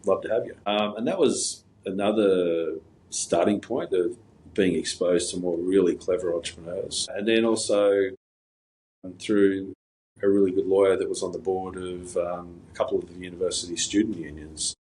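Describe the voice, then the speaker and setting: A middle-aged man answering interview questions in a relaxed, anecdotal way, wandering through stories with plenty of fillers and restarts. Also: sits low, moderate pace, a little hiss or hum, rough recording. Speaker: guest. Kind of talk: casual interview storytelling.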